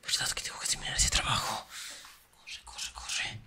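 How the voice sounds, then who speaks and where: In an intimate ASMR roleplay, a young man takes the part of an affectionate, teasing best friend, his breathy, husky whisper bright and forceful at a moderate pace.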